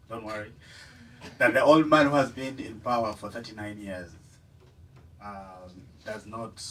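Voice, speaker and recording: Man, audience question, impassioned, bright tone, off-mic. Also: medium pitch, distant mic, a little hiss or hum, low-quality recording. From Uganda. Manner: impassioned, rises and falls in force, laughs between points. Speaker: audience member asking a question. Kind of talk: passionate question from the floor.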